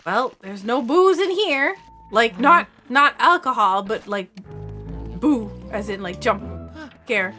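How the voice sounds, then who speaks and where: A woman's voice: on the high side, expressive, slow, pushed and bright, soft background music. A woman streamer chatting casually to herself and her viewers while playing a video game. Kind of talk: casual live gameplay chat.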